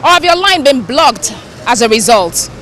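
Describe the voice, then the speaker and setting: A woman reporting for a news programme, asking crisp questions. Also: high-pitched, big pitch swings, normal speed, a bit bright, a little hiss or hum. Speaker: street reporter. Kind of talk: scripted report.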